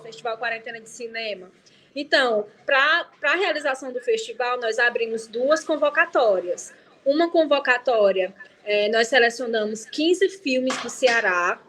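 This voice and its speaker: High-voiced non-binary festival presenter. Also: fairly bright tone. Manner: scripted, with hesitant fillers. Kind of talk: online event introduction.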